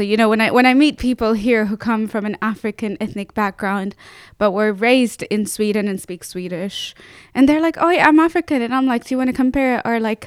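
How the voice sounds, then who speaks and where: A young woman co-hosting a podcast, chatting casually and telling lively stories. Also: a little high, clean tone, dry recording, studio quality. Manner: lively, storytelling, quick laugh. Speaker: podcast co-host. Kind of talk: casual chat.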